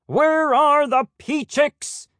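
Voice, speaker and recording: A man's voice: very high-pitched, fairly even intonation, slow pace, a bit bright, no echo, studio quality, pitched above the performer's own voice, full character voice. A man voicing a strict, fussy head peacock who lectures in a clipped, insistent way. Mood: stern.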